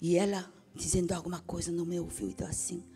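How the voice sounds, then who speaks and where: A woman preaching an emotional testimony sermon, dramatic, moving from hushed whispers to fervent exclamations. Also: lowish voice, level tone, fairly quick, breathy edge. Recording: reverberant hall with soft music.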